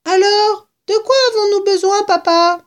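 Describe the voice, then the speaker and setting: A woman voicing a small, excited young male fox cub with a childlike voice. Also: unhurried. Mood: curious. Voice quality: high, childlike.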